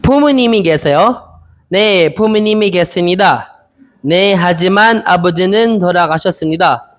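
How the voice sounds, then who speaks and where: A young man in his twenties from the Philippines, practicing Korean interview answers aloud, hesitant and repeating each phrase slowly. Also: high-pitched. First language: Filipino. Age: 20s. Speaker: Korean language learner.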